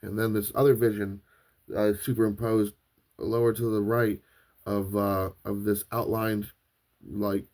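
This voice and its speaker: Man, low voice, podcast host, casual rambling storyteller, lots of restarts. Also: flat delivery, measured pace, a little mellow. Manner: rambling, restarts often, many fillers like "like" and "right".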